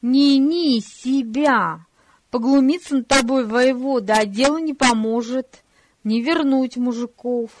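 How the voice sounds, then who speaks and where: A woman's voice: fairly high pitch, animated, unhurried. A woman voicing a resigned cautious nobleman. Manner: dismissive, resigned.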